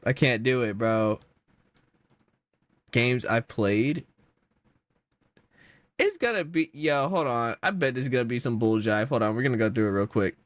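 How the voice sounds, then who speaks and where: A young man giving casual reaction commentary, slangy and exasperated, with sudden loud outbursts. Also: mid-range voice, animated, unhurried, pauses often, dry recording. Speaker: content creator.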